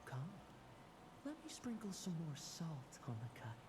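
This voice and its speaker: A woman with a low, very animated voice speaks a little slowly. She's an actress playing a cheeky young knight whose manner is playful and teasing, swinging between cheer and gloom. The game audio carries some noise.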